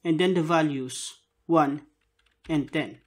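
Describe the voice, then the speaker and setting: A man's voice: fairly high pitch, slow. A man narrating a scripted tutorial, dictating step by step and spelling out keys and symbols in short, separate phrases.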